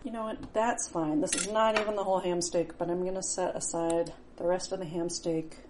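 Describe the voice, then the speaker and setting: A woman's voice: fairly low pitch, fairly even intonation, a little fast, noisy background. A middle-aged woman talking casually while she cooks in her home kitchen, thinking aloud and chatting as she works. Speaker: home cook. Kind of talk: casual cooking vlog narration.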